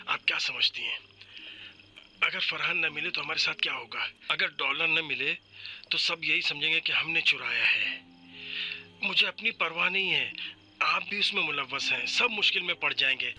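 A man's voice: fairly high pitch, pushed and bright, husky, soft background music, exaggerated voice. An actor playing a desperate, guilt-ridden middle-aged man in a dubbed TV drama, pleading and anguished. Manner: anguished, pleading, breaks down weeping.

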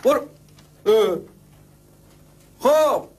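A man's voice: very high-pitched, lively intonation, husky, heavily acted. An actor playing a distracted father who haggles over prices on the phone and impatiently brushes off his child. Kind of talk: TV children's drama.

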